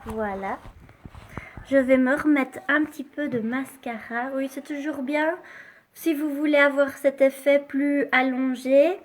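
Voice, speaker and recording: A woman with a high voice hosts a casual live makeup demonstration. She talks slowly and chattily, sprinkling in small interjections. Now and then she drops into soft, near-whispered asides as she applies the product. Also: steady tone, a little hiss or hum. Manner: chatty, unhurried, full of fillers like "hein" and "hop". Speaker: makeup live-stream host.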